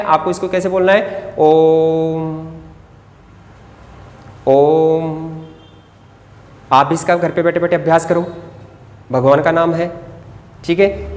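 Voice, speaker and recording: Grammar teacher, exam-prep lecture, asks and answers own questions, drawn-out words. Roomy recording with a long tail. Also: medium pitch. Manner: poses rhetorical questions and answers them, stretches key words. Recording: echoey room with long reverb, faint ambience.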